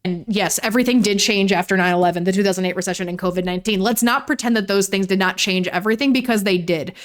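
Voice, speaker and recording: A woman's voice: medium pitch, quick pace. A young woman, giving a casual vlog commentary in a ranting, sarcastic way and swearing freely. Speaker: YouTuber.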